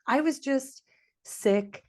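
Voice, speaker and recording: Speaking slowly in a high-pitched voice, a young podcast co-host relates a story casually, acting out people's lines with animation and plenty of swearing.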